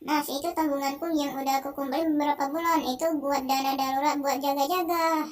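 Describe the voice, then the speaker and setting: A scared young wife from a video game begs and pleads in a high, distressed voice, as a young gamer reads her lines aloud. The pitch stays raised and each line sounds fragile and hurt. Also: flat delivery, quick pace, close to an everyday voice. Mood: pleading. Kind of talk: game dialogue read aloud.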